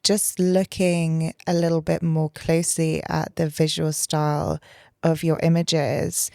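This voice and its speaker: Woman, podcast host, flat pitch, slow pace, slightly gravelly, dry sound. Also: no echo. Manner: brief affirmations, calm prompting questions. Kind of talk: interview questions.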